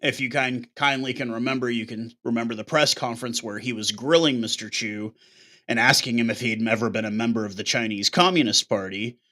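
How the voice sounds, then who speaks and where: A man's voice: mid-range voice, a little fast, pushed and bright. A man hosting his own show, talking bluntly in a casual, ranting monologue with occasional swearing. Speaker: show host.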